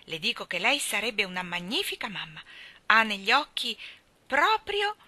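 A woman's voice: mid-range voice, sing-song, moderate pace, sharp tone, dry recording, full character voice. A woman voicing a curious, solemn little boy who speaks in a confiding, childlike way.

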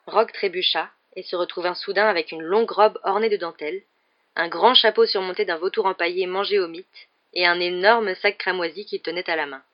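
A woman reading a novel aloud in steady, clear storytelling, on a muffled lo-fi recording. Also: lowish voice, a little fast. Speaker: audiobook reader.

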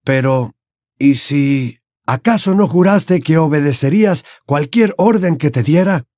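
A male audiobook reader voicing an elderly wizard headmaster with slow, high, drawn-out pleas. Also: lively intonation, a little mellow, dry recording, clean studio sound. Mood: firm, insistent. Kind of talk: audiobook character voice.

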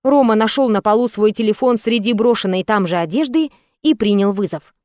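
A woman narrating an audiobook in the first person with a steady, expressive reading. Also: medium pitch, a little fast, no room sound, studio quality.

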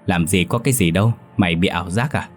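A man's voice: low-pitched, fast, faint music behind, lightly acted. A man voicing an easygoing young male student who speaks politely to elders and brushes off his friend.

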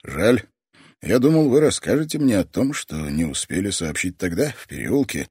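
A man's voice: on the low side, very animated, normal speed, a little mellow, breathy edge, dry recording, studio quality, heavily acted. A man voicing a wary, determined sheriff who speaks in a restrained, probing way. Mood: guarded.

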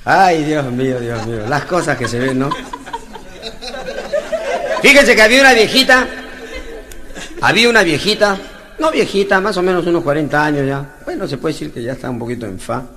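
A man's voice: fairly high pitch, lively intonation, normal speed, pauses often. A man with a Peruvian accent telling slangy jokes stand-up style, laughing at his own punchlines. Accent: Peruvian Spanish. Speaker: comedian. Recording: noisy lo-fi recording with clicks.

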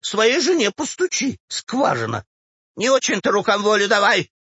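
Squeaky whiny old lady nagging nonstop, man doing the voice, swoops all over. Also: wildly swooping pitch, normal speed, pushed and bright, breathy edge, no room sound, highs cut off, exaggerated voice. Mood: indignant shrill. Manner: whining, insistent, self-pitying. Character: shrill pushy old woman petitioner.

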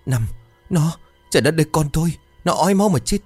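A man's voice: normal speed, no room sound, soft background music. A man voicing a frail old village mother who cries out in terror after a nightmare, in a ghost story reading. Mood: panicked. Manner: shrill, frantic cries.

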